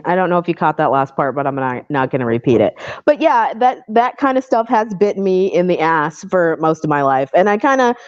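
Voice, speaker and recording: A woman's voice: on the low side, dry recording. Chatty woman on a lo-fi video call. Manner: chatty, laughs often, storytelling. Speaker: caller. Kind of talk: casual call-in chat. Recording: dry, dull lo-fi call audio.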